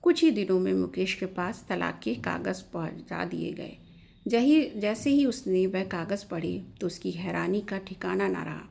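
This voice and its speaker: Woman storyteller, scripted dramatic narration, gravelly low-pitched read. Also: normal speed, darkish tone.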